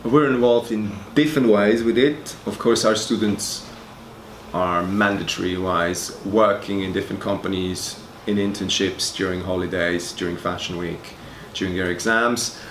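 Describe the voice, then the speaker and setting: A man's voice: low voice, steady tone, moderate pace, fairly bright tone. A man in his forties from Switzerland, a fashion school's director of education, answering interview questions hesitantly and often repeating words. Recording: echoey room, faint noise.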